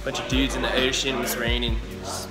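A man's voice: mid-range voice, flat delivery, a little fast. A man in his twenties talking casually to camera as a travel vlogger. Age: 20s. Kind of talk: casual vlog chat to camera. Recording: loud music over the voice. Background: loud music.

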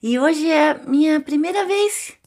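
A woman's voice: high voice, expressive, a little slow, gravelly, a little mellow, pitched above the performer's own voice, exaggerated voice. A woman voicing a cheerful chubby infant boy in squealing, sing-song baby talk with a Brazilian Portuguese accent.

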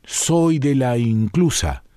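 A shy little orphan boy who gives short, quiet answers, read by a man. The storybook voice moves slowly, with a lively rise and fall in pitch. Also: dry recording, studio quality. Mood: timid.

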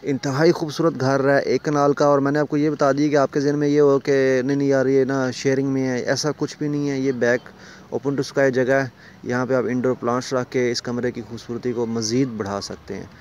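A man's voice: medium pitch, little pitch movement, fairly quick, darkish tone, lo-fi sound. Man with a Pakistani Urdu accent showing a house. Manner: salesy, keeps pointing things out to the viewer. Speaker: property dealer giving a house tour. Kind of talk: walking house-tour vlog. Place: large empty house, indoors and on stairs. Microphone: phone camera held while walking.

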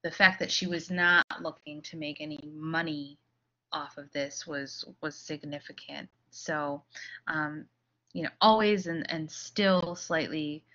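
A woman's voice: deep voice, steady tone, a little slow, sharp tone. A woman giving a recorded lecture, talking loosely with many fillers and restarts. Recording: slightly dull audio.

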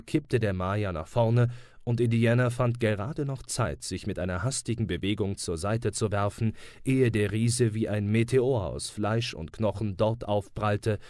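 A man narrating an adventure audiobook with steady, dramatic storytelling. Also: on the low side, dry recording, studio quality. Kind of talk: audiobook reading.

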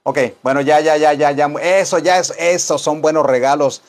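Mexican male English teacher, slightly high voice, jokey and rambling. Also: steady tone, normal speed. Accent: Mexican Spanish. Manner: playful, rambling, teasing asides to viewers. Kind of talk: joking live-stream English lesson.

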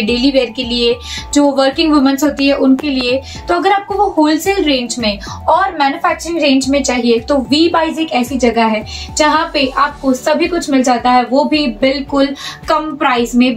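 A young Indian woman presenting clothing in a shop with a chatty, persuasive sales patter, repeating words for emphasis. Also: high-pitched. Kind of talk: product showcase sales pitch. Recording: voice a bit far from the mic, music underneath.

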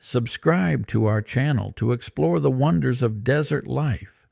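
A man reading scripted nature documentary narration in a measured, polished, earnest way. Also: medium pitch, gravelly, darkish tone, no echo, clean studio sound.

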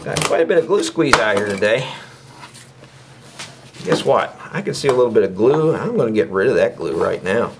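An older man with a mid-range, expressive voice demonstrates woodworking at an indoor workbench, speaking at a moderate pace amid background noise. He's casual and folksy, chatting freely and often asking rhetorical questions.

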